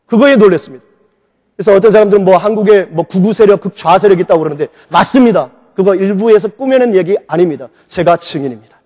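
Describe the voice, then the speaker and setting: High-voiced pastor preaching in a reverberant hall. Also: male voice, quick pace. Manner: animated storytelling, acting out his own shouts and quoted voices. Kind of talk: sermon with personal testimony. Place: church sanctuary. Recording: long reverb of a church hall.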